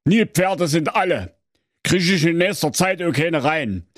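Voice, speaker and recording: A man's voice: fairly high pitch, lively intonation, measured pace, no room sound, pitched above the performer's own voice. A shady pet-shop dealer talks in a raised, smarmy sales voice, as a man acts him out. He sounds falsely apologetic. The recording is dry and close.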